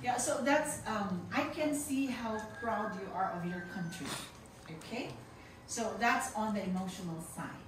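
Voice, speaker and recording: A woman's voice: mid-range voice, unhurried. A woman teacher giving encouraging spoken feedback on presentations, often checking in with her listeners. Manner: encouraging, repeats "okay" as a check. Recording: echoey noisy room, distant mic.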